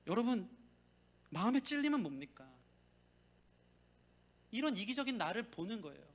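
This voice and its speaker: A man's voice: high voice, normal speed. A male pastor preaching a sermon and telling a family story, acting out the people he quotes. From South Korea. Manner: animated storytelling, acts out quoted voices.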